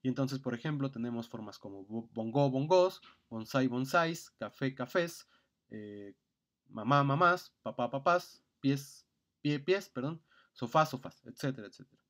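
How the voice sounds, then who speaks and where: A man's voice: mid-range voice, measured pace, a bit bright. Methodical male lecturer listing examples. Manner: methodical, lists examples with fillers and self-corrections. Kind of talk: recorded lecture.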